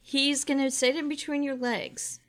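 A woman playing in a tabletop game, eager and chatty, often pausing on fillers. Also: high-pitched, level tone, fairly bright tone. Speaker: player. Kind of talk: casual tabletop play.

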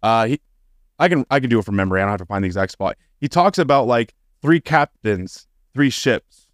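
Male podcast co-host, mid-pitch, dry close mic, profane and ranting when worked up. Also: lively intonation, fairly quick, no echo. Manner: profane, ranting, gets loud and high when exasperated. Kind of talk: casual podcast chat.

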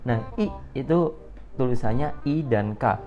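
A woman's voice: a bass voice, animated, a little slow. A woman from Central Java in casual chat as a podcast co-host, explaining slang playfully with acted examples. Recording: slightly dull sound with faint guitar music.

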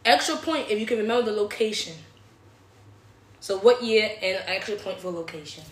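A woman's voice: mid-range voice, moderate pace. Woman, quiz host, casual question reading, mid-range voice, echoey room. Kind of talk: casual trivia hosting, reading questions aloud.

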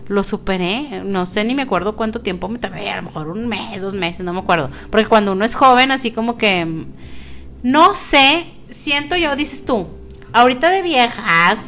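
A woman's voice: mid-range voice, expressive, moderate pace, fairly bright tone, a little hiss or hum. A Mexican woman in her forties co-hosting a podcast, chatting casually and expressively, laughing often and dropping slang. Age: 40s. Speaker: podcast co-host. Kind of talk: casual chat.

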